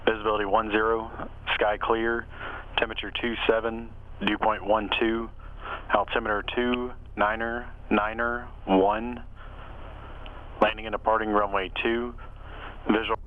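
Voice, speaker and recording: A low, flat male voice reads an airport weather broadcast at an even, unvarying pitch. It comes through a tinny, radio-thin channel with a faint hiss underneath. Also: measured pace. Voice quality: flat, even monotone reading. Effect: radio broadcast heard over cockpit radio. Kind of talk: automated weather and airfield information readout.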